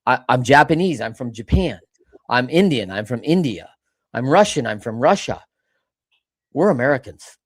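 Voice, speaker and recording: A man hosting a podcast interview, chatting casually in an animated, folksy way. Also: mid-range voice, normal speed, long pauses. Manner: animated, folksy, talks in asides. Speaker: podcast host.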